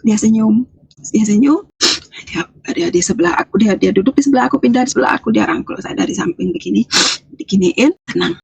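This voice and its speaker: Interview guest, woman from Lampung: breathy tone, emotional first-person testimony with many restarts. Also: a little high, expressive, fast, darkish tone, no echo. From Lampung, Indonesia. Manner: hesitant, restarts and repeats phrases often; earnest, emotional storytelling. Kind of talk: personal testimony, casual speech.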